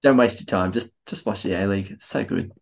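A man's voice: low-pitched, fairly quick, gravelly. A man co-hosting a podcast in casual chat, a bit tipsy and enthusiastic, often stammering and restarting. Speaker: podcast co-host. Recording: slightly dull, lo-fi audio.

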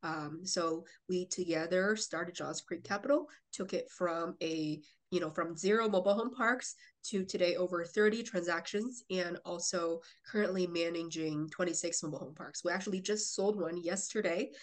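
A woman's voice: fairly low pitch, normal speed, hardly any pauses. A young woman from China, a real estate investor, answering interview questions in a fluent, businesslike way.

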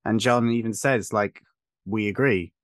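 A man's voice: lowish voice, measured pace, no echo, clean studio sound. A man hosting a podcast, giving long, emphatic, opinionated explanations in casual chat. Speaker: podcast host.

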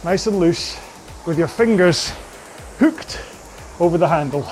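A man coaching an indoor rowing workout, giving slow, measured cues about posture and pace. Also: on the high side, darkish tone, soft background music.

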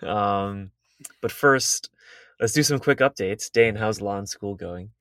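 A man's voice: fairly low pitch, slow, fairly bright tone, no room sound, studio quality. A young man co-hosting a podcast in a laid-back, casual chat with his friend, often chuckling and agreeing. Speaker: podcast co-host.

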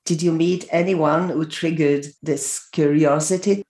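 A woman hosting a podcast who reads a formal introduction and asks interview questions at a measured pace. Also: low-pitched, steady tone, mellow, echoey room. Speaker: podcast host.

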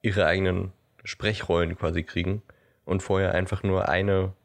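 Male podcast co-host, low register with some fry, casual and animated storyteller. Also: moderate pace. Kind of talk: casual podcast chat about books and films.

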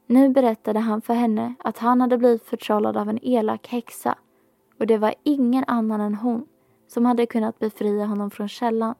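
A woman reading a classic fairy tale aloud in a calm, measured storytelling manner. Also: a little high, creaky, no echo, faint music behind.

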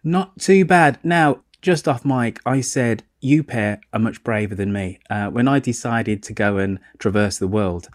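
A man hosts a podcast interview over a remote call, chatty and self-deprecating, asking rambling questions. His mid-range voice is unhurried, with hardly any pauses. The sound is clean studio quality, with no room sound.

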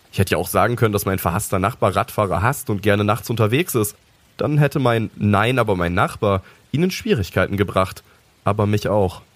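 A man narrating a creepypasta in the first person, calm and sinister with mocking asides. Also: fairly low pitch, no echo.

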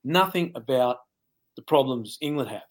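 A man's voice: mid-range voice, expressive, moderate pace. A former coach, a man, giving blunt and colourful rugby analysis in casual chat, laughing at his own jokes.

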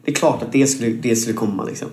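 A man who is a musician, chatting casually as a guest, animated and often acting out voices. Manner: animated storyteller, acts out voices, swings loud and high. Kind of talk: casual chat.

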